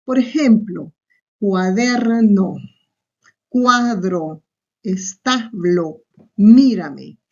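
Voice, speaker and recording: Her voice is dark and medium in pitch as she teaches a recorded online class with a Salvadoran Spanish accent. Each step is explained in turn, often capped with a questioning aside, and the audio is muffled and lo-fi.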